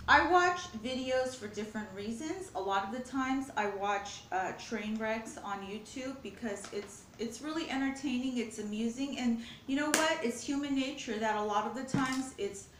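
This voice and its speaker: A woman's voice: on the high side, moderate pace, roomy sound, slight background noise. Earnest woman vlogging over a meal. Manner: earnest, rambling, spiritual musing; talks with her mouth full. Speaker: mukbang vlogger. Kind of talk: casual chat while eating. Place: home, at a glass table.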